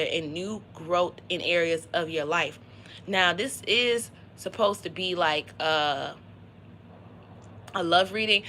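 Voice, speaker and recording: A woman's voice: fairly low pitch, pushed and bright, slight background noise, poor audio. A woman giving a casual, motivational tarot reading on a livestream, talking in a slangy, conversational way. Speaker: tarot reader.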